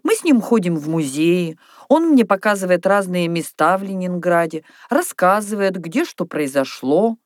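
A woman reading aloud, voicing a lively young girl who dreams of being an artist. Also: fairly low pitch, moderate pace, no echo, clean studio sound, close to an everyday voice. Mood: eager. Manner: eager, bright, storytelling.

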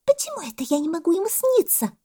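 Lady doing a hyper little monkey girl, squeaky high, jumps all over, storybook voice. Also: sing-song, quick pace, mellow. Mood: excited. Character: small excitable female monkey.

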